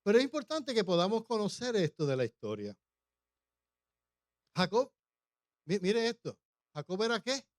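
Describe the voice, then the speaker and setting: A man's voice: high voice, sing-song, moderate pace, pauses often, no echo, studio quality. A male pastor preaching a humorous sermon, often putting questions to the congregation.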